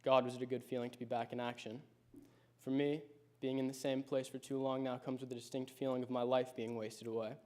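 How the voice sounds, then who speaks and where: Reading out a personal speech he prepared, a teenage high school senior in his late teens tells his story in a reflective, measured way. His pitch stays fairly level and the delivery is flat. His voice has a mellow, darker quality.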